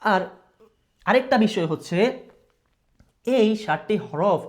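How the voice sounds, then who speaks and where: A man teaching Arabic letter pronunciation online, drilling syllables slowly and asking rhetorical questions. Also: high voice, expressive. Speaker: Quran recitation teacher.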